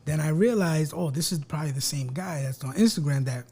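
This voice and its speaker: Soft-spoken joking male podcast host. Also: a little high, a little fast, slightly rough. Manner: joking, profane, talks quietly and projects for the mic. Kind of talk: casual podcast chat. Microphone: close podcast mic.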